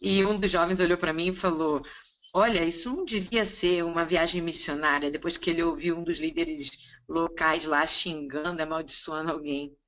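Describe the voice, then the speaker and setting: A woman interpreting a seminar consecutively, relaying each line in a steady, conversational way. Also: deep voice, moderate pace, lo-fi sound.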